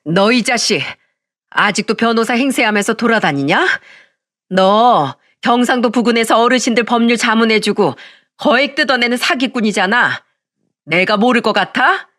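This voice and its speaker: A woman's voice: mid-range voice, expressive, moderate pace, fairly bright tone, dry recording, natural voice. A blunt, bossy middle-aged woman friend, put on by a female narrator scolds in a brash, accusing voice. The sound is dry and close, with no room around it. It comes across as a story read aloud. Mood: scolding.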